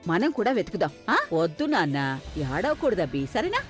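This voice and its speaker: A woman's voice: medium pitch, sing-song, fairly quick, music in the background, natural voice. A woman dubbing a tender older grandmother in a TV serial, coaxing and comforting. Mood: soothing. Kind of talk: dubbed TV serial drama.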